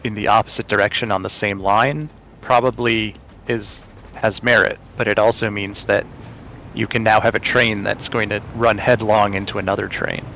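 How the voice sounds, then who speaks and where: A man's voice: fairly low pitch, flat delivery, moderate pace, vocal fry, bright, forceful tone, a little hiss or hum, low-quality recording. A man chatting drily while playing a game with a friend, teasing and questioning him. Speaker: co-host and player. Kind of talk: casual gameplay chat.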